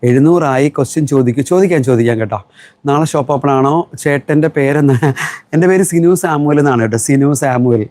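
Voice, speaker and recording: A man's voice: mid-range voice, fast, darkish tone, no room sound. A middle-aged man from Kerala, a shop owner chatting through a live sales stream and answering viewer comments. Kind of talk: live-stream product selling.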